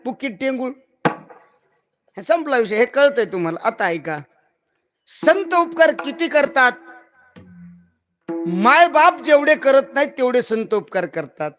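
A man's voice: very high voice, big pitch swings, unhurried, long pauses, fairly bright tone. A man preaching a devotional kirtan sermon to a live gathering, declamatory and teasing the crowd with rhetorical questions.

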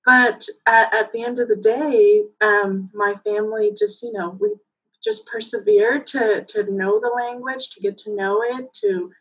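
Her husky, medium-pitched voice moves at a measured pace, and the sound is lo-fi. A Mexican woman in her thirties whose mother tongue is Spanish, she joins a casual interview as a guest via laptop webcam from indoors at home, warmly telling stories with frequent fillers and bursts of laughter.

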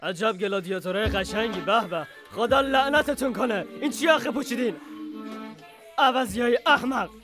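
A man's voice: sits high, expressive, music in the background. A man dubbing a short-tempered village boss in a comedy film, scolding and insulting with contempt. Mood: scornful. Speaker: dubbing actor. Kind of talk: dubbed comedy film acting.

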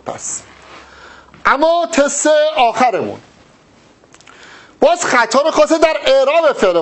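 A man giving an exam-prep grammar lesson, explaining step by step and asking rhetorical questions that he answers himself. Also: high voice. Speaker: teacher.

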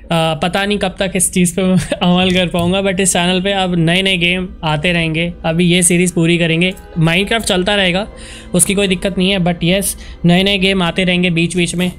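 A man streaming a horror game live, greeting viewers by name and reacting with lively chatter that mixes in English phrases. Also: sits high. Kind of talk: live gameplay commentary.

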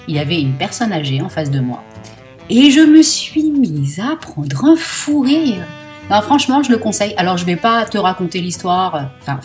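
Chatty, slangy woman reviewing books. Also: lowish voice. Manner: chatty, slangy, swears freely. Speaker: book vlogger. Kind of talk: casual book review and reading aloud.

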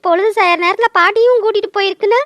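A woman's voice: extremely high pitch, very fast, fairly bright tone, dry recording. A woman voicing a frightened schoolgirl in a cartoon, who speaks in a tearful, pleading way. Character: frightened schoolgirl, older cousin. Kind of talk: cartoon dubbing.

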